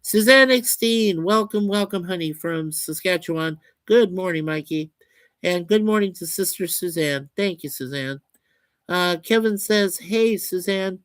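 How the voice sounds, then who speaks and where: A man's voice: high voice, measured pace, no room sound. A man hosting a livestream, casually reading out and answering viewer comments in a chatty, folksy way. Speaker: livestream host reading chat. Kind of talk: casual chat.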